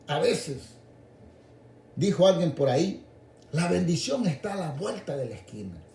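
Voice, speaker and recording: A man preaching a radio sermon, calling his listeners "brother" and swinging from low, intimate asides to raised, shouted appeals. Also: very animated, a little slow, gravelly, reverberant. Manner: addresses listeners directly as "hermano".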